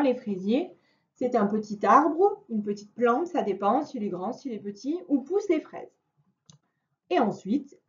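A woman teacher speaks slowly and clearly, guiding a young child through a lesson with patience. Her voice sits fairly high and moves up and down with lively emphasis. The recording sounds dull and lo-fi. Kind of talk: recorded remote classroom lesson.

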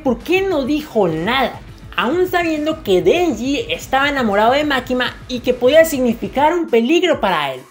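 A woman narrating casual anime commentary in a slangy, jokey way with crude humor. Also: high-pitched. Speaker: anime video essayist. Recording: faint music under the voice.

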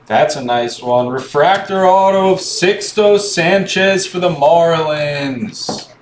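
A man speaking slowly and evenly as he hosts a live card break, naming cards and answering viewers. His voice sits a little higher than most men's. It sounds echoey, with a faint hiss in the background. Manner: slow, low-key calling of cards while chatting to viewers. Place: indoor room with card boxes on a table.

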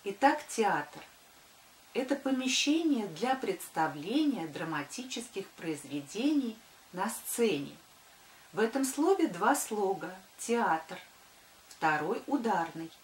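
Slow, echoey older woman teacher dictating. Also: medium pitch, big pitch swings. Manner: dictating, deliberate, sounding out words syllable by syllable. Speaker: primary school teacher. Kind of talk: dictation lesson for schoolchildren. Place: small wood-panelled room indoors. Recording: echoey room.

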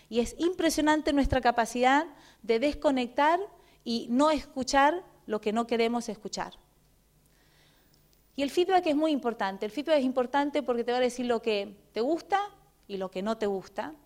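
A middle-aged woman with an Argentine accent, giving a public talk and telling personal anecdotes in an animated way with frequent "eh" fillers. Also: on the high side. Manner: animated storytelling, frequent "eh" fillers, acts out dialogue. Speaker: guest speaker.

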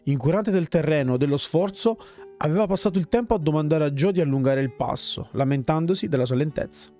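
A man reading a fantasy game's story text aloud at a steady pace. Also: fairly high pitch, quick pace, faint music behind. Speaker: gamer reading game text.

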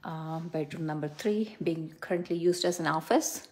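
A woman's voice: sits low, normal speed, darkish tone, a little hiss or hum. A middle-aged woman, a real estate agent, giving a casual, unscripted house tour with upbeat praise for what she shows. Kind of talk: casual, unscripted walk-through tour narration. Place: indoors, walking through a house. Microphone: handheld phone.

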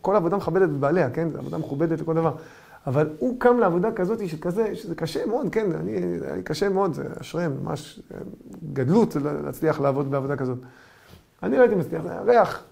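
A man, a rabbi giving a lesson, telling humorous stories in an animated way. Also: on the high side, creaky. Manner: animated storytelling, acts out voices.

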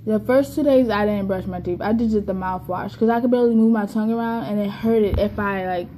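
A young adult woman vlogs casually in her kitchen, swearing plenty, her speech slightly impeded and lisping because of a new tongue piercing. Her medium-pitched voice is warm and fairly quick. The rough phone recording, held at arm's length, picks up clear background room noise.

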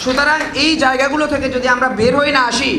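A man's voice: very high-pitched, fairly even intonation, fast talker, bright, forceful tone, echoey room, a little hiss or hum. A young man, a student speaker, urging listeners in an impassioned speech into a handheld mic at an indoor meeting.

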